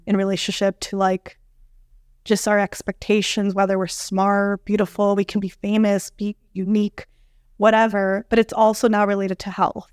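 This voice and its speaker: A young adult woman from a Bolivian family, a dietitian guest telling her story in an animated way, full of fillers and acted-out quotes. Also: medium pitch, moderate pace, clear, resonant tone, dry recording, studio quality. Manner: animated, many fillers, acts out quoted dialogue. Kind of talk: conversational storytelling interview.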